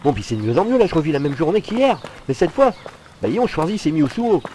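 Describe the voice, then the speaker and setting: A man's voice: on the high side, big pitch swings, fast talker, warm tone, a little hiss or hum. An actor playing a confused teenager stuck in a grown man's life, baffled and exasperated.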